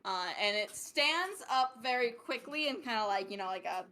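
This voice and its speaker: A woman's voice: fairly high pitch, animated, normal speed, bright, forceful tone. A woman running a tabletop game, narrating casually and loosely as game master, with swearing and frequent giggles. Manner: giggly, often laughing as she talks.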